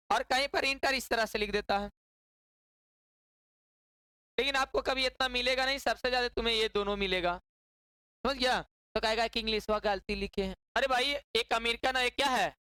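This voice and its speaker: A woman's voice: fairly high pitch, fairly bright tone, clear, resonant tone, no room sound, poor audio. A woman teaching a class, repeating key words and quizzing her students with constant questions. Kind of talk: classroom lecture.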